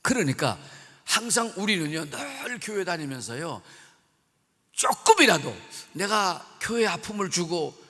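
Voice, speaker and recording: A man's voice: high voice, very animated, unhurried, fairly bright tone. A pastor preaching a revival sermon. He is emphatic and repeats himself, putting questions to the congregation. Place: church sanctuary. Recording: reverberant church sanctuary.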